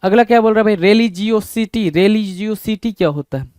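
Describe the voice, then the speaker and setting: Man, exam spelling teacher, repetitive rhetorical questions, high pitch, dry close sound. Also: a little fast, a little mellow, no room sound. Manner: repetitive, rhetorical questions, calls students "bhai". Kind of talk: exam prep lesson, spelling out words letter by letter.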